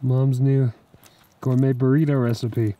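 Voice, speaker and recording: A man's voice: mid-range voice, level tone, a little slow, mellow, a little hiss or hum. A man hosting an outdoor vlog, narrating casually and with enthusiasm from a mountain campsite into a handheld camera mic. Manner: chatty, enthusiastic. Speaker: vlog host.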